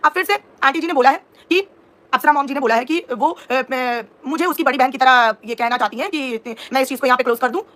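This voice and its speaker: Speaking fast in a high-pitched, somewhat bright voice, a woman in her thirties addresses her livestream audience as a reaction vlogger. She answers viewer comments while indignantly explaining her side.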